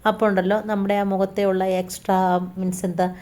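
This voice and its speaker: Fast-talking Malayali woman. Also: mid-range voice, flat delivery, darkish tone. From Kerala, India. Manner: chatty, often ends lines with a tag asking the viewer. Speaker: beauty vlogger. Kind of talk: casual home beauty vlog. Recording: echoey room.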